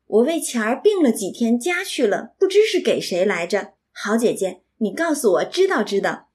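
A woman's voice: a little high, big pitch swings, moderate pace, darkish tone. A woman voicing a chatty, eager young maidservant in a storybook reading.

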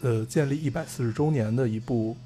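A man's voice: mid-range voice, brisk, dark tone. A young man, chatting casually as co-host of a podcast about films. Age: young adult. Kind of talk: casual film chat. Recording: guitar music behind the talk. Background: guitar music.

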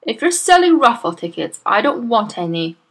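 A snappy, blustering father with no patience for visitors, as a woman reader puts him on. His lines come out loud and gruff-edged over a slightly husky voice, pitched high for a man. He talks down to everyone in the room, as in a children's storybook reading. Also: big pitch swings, moderate pace. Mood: irritable. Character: rude brash middle-aged father, impatient.

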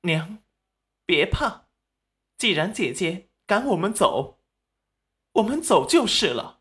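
Man doing a soft-spoken scheming young woman. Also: high voice, very animated, slow, voice pushed up, exaggerated voice. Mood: soothing. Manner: soft, coaxing.

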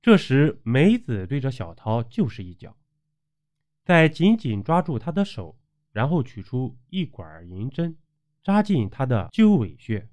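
A man's voice: mid-range voice, unhurried. A man narrating a dramatic ghost story, acting out the characters' voices as he goes. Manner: animated storytelling with acted voices.

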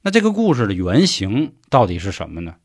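Male storyteller with a Beijing accent, lively colloquial delivery, dry close podcast sound. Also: on the low side, a little fast, breathy edge, dry recording. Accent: Beijing Mandarin. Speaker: urban legend storyteller.

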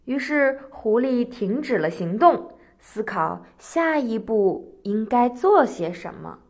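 A woman telling a children's story in a gentle, singsong narration as the host. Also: on the high side, big pitch swings, slow pace.

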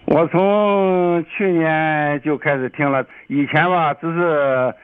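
A man's voice: fairly high pitch, fairly even intonation, slow, clean tone. A man from Jiangsu, China, chatting casually as a caller to a radio show, repeating himself for emphasis. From Xuzhou, Jiangsu, China. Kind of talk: casual phone chat. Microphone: telephone. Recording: phone line on a radio broadcast.

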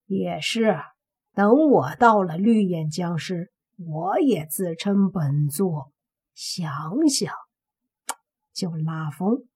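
A woman's voice: fairly low pitch, animated, drawn-out words, darkish tone, breathy edge, heavily acted. A woman voicing a joking, self-pitying male zombie companion with casual, bantering talk. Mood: rueful.

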